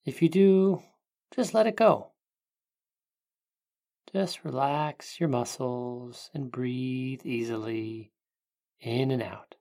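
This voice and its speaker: Sleep story narrator style, guided meditation, unhurried pace, creaky medium-pitched voice, gentle hushed instructions, long pauses.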